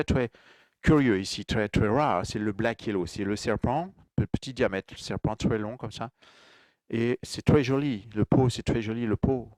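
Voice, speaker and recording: A man's voice: fairly low pitch, darkish tone, dry recording, lightly acted. A man voicing an Englishman in Africa who speaks chirpy broken French and mixes up word genders. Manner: mangles French genders, prim and chipper.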